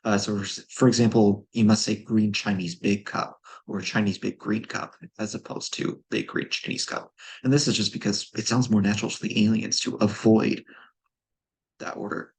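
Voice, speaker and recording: Guy with a slightly husky lowish voice going through a conlang, sounds out each syllable, lots of ums and uhs. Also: level tone, normal speed. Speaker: conlang presenter. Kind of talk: casual explainer video on a constructed language.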